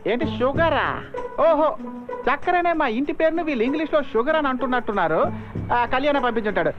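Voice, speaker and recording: An actor dubbing a chatty, cheeky comic sidekick who rambles and teases. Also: male voice, very high voice, animated, fast. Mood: teasing. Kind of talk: dubbed comedy film dialogue. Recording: muffled film audio with music.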